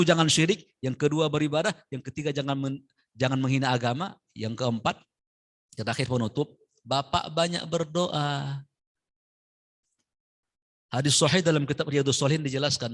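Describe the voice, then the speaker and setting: Bright-voiced man preaching in a mosque. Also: medium pitch. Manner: lively, shifts from soft asides to loud emphasis; chants Quran verses in Arabic, then explains them. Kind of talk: midday mosque sermon.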